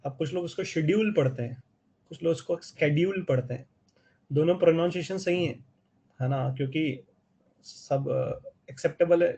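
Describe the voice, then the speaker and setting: Gravelly Indian man teaching geometry. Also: fairly high pitch, moderate pace, pauses often, mellow. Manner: explains step by step with frequent "है ना?" check-ins. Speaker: math teacher. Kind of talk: online live class lecture.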